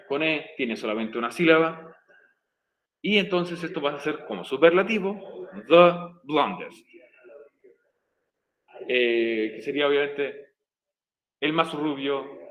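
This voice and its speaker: A man's voice: mid-range voice, fairly bright tone, low-quality recording. A male English teacher, patiently explaining grammar step by step in a recorded online class. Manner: patient, repeats and spells out each step.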